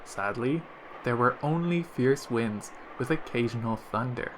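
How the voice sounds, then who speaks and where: A man reading a visual novel aloud in a steady storytelling manner. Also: medium pitch, unhurried, background noise. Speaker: let's play narrator.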